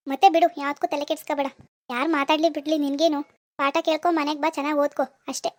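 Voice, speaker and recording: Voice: high-pitched, level tone, racing, no room sound, lightly acted. A performer voicing a concerned village mother in a cartoon, soothing, coaxing and practical. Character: concerned village mother, gentle but firm. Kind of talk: Kannada cartoon voice acting.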